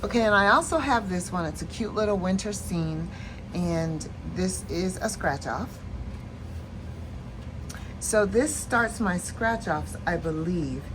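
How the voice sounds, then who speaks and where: A woman casually walking through her savings challenges in a planner vlog, relaxed and chatty with many fillers, tired and yawning late at night. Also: on the low side, slow, noisy background. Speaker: planner and budgeting vlogger. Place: at home at night.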